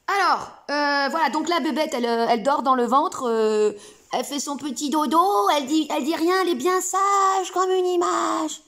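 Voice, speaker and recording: A woman talks straight to camera from her home, loose and playful, wandering through her points with lots of fillers. Her voice sits notably high. The tone is informal and chatty. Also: normal speed, fairly bright tone. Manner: rambling, playful, many fillers. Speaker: self-help video host. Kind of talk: casual spoken explanation to camera. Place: home room.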